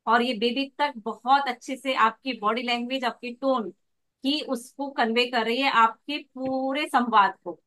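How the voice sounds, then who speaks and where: A woman with a high, bright, forceful voice leads an online class over a video call. She teaches in a lively way and acts out little examples to make each point. Her delivery stays animated and clear. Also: a little slow. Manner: lively, demonstrates with acted examples. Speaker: pregnancy coach.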